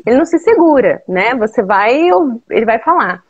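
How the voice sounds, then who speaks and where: Brazilian woman guest, fairly high voice, explanatory, dry muffled call audio. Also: big pitch swings, normal speed, slightly rough, no room sound. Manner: explanatory, with frequent "né?". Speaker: guest on a live talk. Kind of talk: casual live chat.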